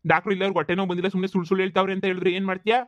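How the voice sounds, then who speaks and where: A man's voice: sits high, flat delivery, racing, a bit bright, no room sound. A man voicing a doubtful, exasperated young man in a cartoon comedy, arguing back. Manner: skeptical, argues back. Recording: slightly dull lo-fi sound.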